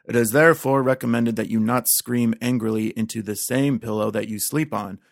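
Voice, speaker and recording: A man hosting a scripted comedy podcast, delivering a mock-informative monologue in a deadpan manner. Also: mid-range voice, fairly quick, vocal fry, no echo, studio quality. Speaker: podcast host.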